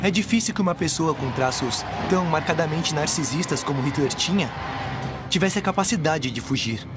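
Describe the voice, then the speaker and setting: A man's voice: fairly high pitch, lively intonation, brisk, lightly acted. A man giving explanatory dubbed commentary in a documentary. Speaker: voice-over dubber of an expert interviewee. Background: music.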